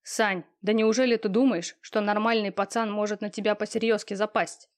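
A woman's voice: mid-range voice, fairly even intonation, normal speed, natural voice. A woman voicing a smug, cold, lazy young man in an audiobook, talking in an offhand, sneering way with coarse slang. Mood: scornful. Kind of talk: audiobook reading.

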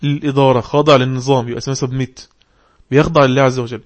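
A male teacher with an Egyptian Arabic accent and a mid-pitched voice. He reads English text slowly, word by word, and then switches to fast, conversational explanation. He keeps putting questions to his students. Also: little pitch movement. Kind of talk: online English lesson on religious text.

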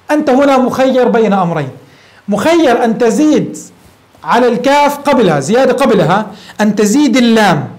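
Fast-talking grammar teacher. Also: male voice, very high-pitched. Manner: checks in with quick rhetorical questions. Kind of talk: classroom grammar lecture.

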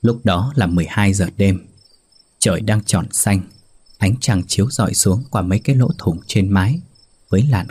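A man narrating a ghost story in a steady, somber manner. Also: lowish voice, slightly rough.

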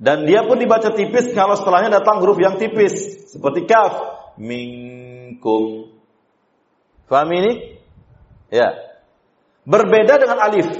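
A man with an Indonesian accent teaches Quran recitation in a slow, measured way, stopping often to chant the example words and to check that his students follow. His voice sits a little high for a man. The recording is roomy and dull, like a lo-fi lecture tape. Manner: explains then chants examples slowly, asks the class questions. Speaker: tajwid teacher.

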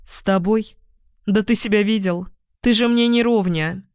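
A woman's voice: medium pitch, measured pace, no echo, studio quality, lightly acted. A woman voicing a young woman possessed by a demon, haughty and cruel, who turns scornful or sugary in an audiobook. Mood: furious, scornful. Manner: scornful, shifting to sugary flattery.

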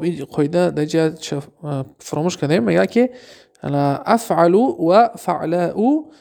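A man with a Tajik accent teaching Arabic grammar, reading example sentences slowly and then quizzing his listeners with questions he answers himself. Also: a little high, gravelly, dark tone. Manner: asks rhetorical questions and answers them himself. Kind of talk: classroom lesson.

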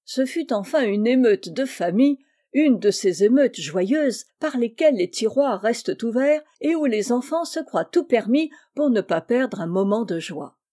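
Female audiobook narrator, mellow tone, expressive storytelling. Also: fairly high pitch, a little slow. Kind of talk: audiobook reading of a classic children's story.

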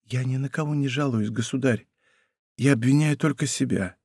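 Guy reading as a weak young woman begging softly, hushed and dry, studio audiobook. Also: medium pitch, moderate pace, slightly rough, dry recording, lightly acted. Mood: pleading. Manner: soft, hushed, pleading. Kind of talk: audiobook character voice. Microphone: close studio mic.

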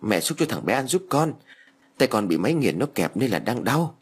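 A man's voice: medium pitch, very animated, moderate pace, slightly rough. A man voicing a worn-out young father who pleads with his mother. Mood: tired. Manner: pleading, rising.

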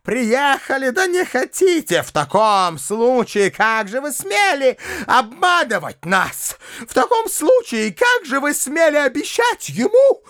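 A man voicing a furious, shrill middle-aged gentlewoman in an audiobook, screeching a scolding tirade of accusations. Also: expressive, a little fast, hardly any pauses, dry recording, clean studio sound, natural voice. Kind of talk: audiobook character voice.

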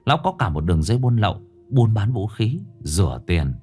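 A man with a low voice narrates a dark crime story in a grave, dramatic tone. His pitch rises and falls widely, and faint music hums underneath. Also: sing-song, fairly quick.

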